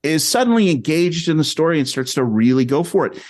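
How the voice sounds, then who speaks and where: A man, a podcast guest, telling a story in an animated, rambling way with many restarts. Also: a little high, brisk, no echo, clean studio sound. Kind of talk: casual storytelling.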